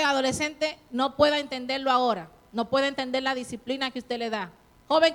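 A woman's voice: sits high, a bit bright. A middle-aged woman preaching a sermon to a congregation. She exhorts her listeners, asks them questions and acts out the voices of the people she quotes.

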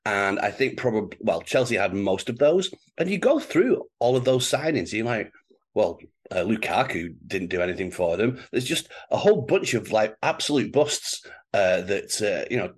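A man's voice: lowish voice, expressive, normal speed. A man co-hosting a casual football podcast, wheezy and congested from flu, speaking hesitantly with frequent stammered restarts. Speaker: podcast co-host.

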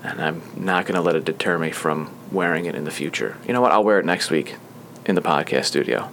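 A young man with a fairly low voice hosts a casual podcast from a small studio, rambling along with plenty of ums and restarts. A faint hiss sits under his voice. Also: brisk, fairly bright tone. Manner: chatty, rambling with frequent fillers. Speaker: podcast host. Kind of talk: casual chat.

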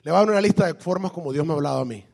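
A man preaching a sermon, lively, switching between Spanish and English and asking the congregation questions. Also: fairly high pitch, rapid-fire, gravelly, breathy edge, in a large hall. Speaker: pastor.

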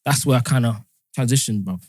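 A man's voice: mid-range voice, a little fast, a little mellow, breathy edge, dry recording, clean studio sound. A middle-aged man with a London roadman accent and slang, bantering casually and insistently, often repeating his phrases. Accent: London, urban roadman slang. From London, England.

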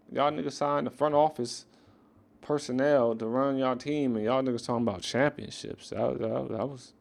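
A man hosts a casual sports podcast and rants bluntly, swearing freely. His voice is gravelly and fry-laden, sitting in an ordinary middle pitch. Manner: profane, blunt, ranting. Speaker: podcast host.

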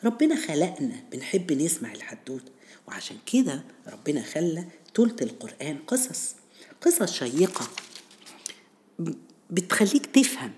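A woman with an Egyptian accent hosts a religious storytelling series in a conversational style. Her voice sits low, with a mellow, dark tone. She teaches as she goes, addressing listeners directly and posing rhetorical questions. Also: sing-song, normal speed, long pauses. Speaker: storyteller and host of a Ramadan series on Quran stories.

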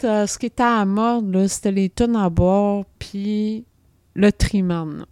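Teasing Québécois woman, mellow voice. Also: medium pitch, steady tone, unhurried, clean tone, no echo. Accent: Québécois French. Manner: dry, teasing. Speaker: podcast co-host. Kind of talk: casual chat.

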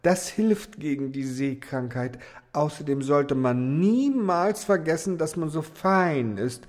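A man's voice: on the high side, animated, takes it slowly, a little mellow. A man voicing a vain, haughty female darning needle in a fairy-tale audiobook, prim and self-important. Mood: prissy.

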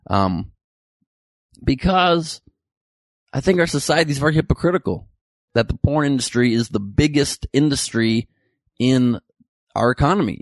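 Gravelly deadpan comedian host. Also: male voice, fairly low pitch, no room sound. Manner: dry, rambling, self-correcting jokes. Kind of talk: deadpan comic monologue.

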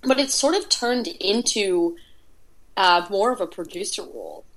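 A woman's voice: mid-range voice, big pitch swings, a little slow. A woman talking casually as a podcast guest, a chatty storyteller with lots of filler words. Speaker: podcast guest, indie game PR producer. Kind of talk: casual interview talk.

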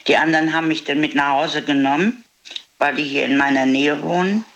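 A woman's voice: sits low, brisk, a little hiss or hum. Indignant woman telling a story. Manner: lively storyteller, acts out the dialogue. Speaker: interviewee. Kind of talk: casual storytelling.

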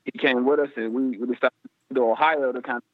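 A man's voice: medium pitch, steady tone, quick pace, no room sound. A laid-back middle-aged man from Detroit rambles through a story, full of slang and fillers. His voice comes over a thin, tinny phone line that keeps breaking up, dry with no room sound. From Detroit, USA. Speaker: guest. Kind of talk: casual storytelling interview.

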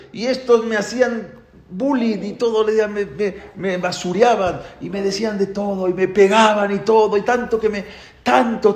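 A man voicing a young male eagle raised among chicks, pleading and insistent in a higher put-on voice. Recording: echoey room.

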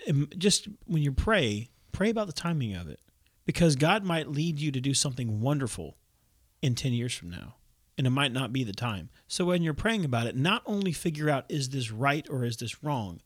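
A man's voice: mid-range voice, big pitch swings, moderate pace, no room sound. A man co-hosts a casual faith podcast, rambling and correcting himself as he works through his point, often laughing at himself. His voice sits in a middle range. The sound is dry and close. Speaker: podcast co-host.

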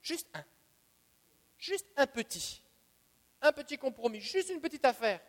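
A man with a noticeably high voice preaches with a Quebec French accent, leaning hard on repeated phrases and swinging from hushed asides to loud declarations. His sermon rings out with the long reverb of a church hall. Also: big pitch swings, measured pace. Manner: emphatic, repeats key phrases, swings between soft and loud. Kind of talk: Bible teaching sermon.

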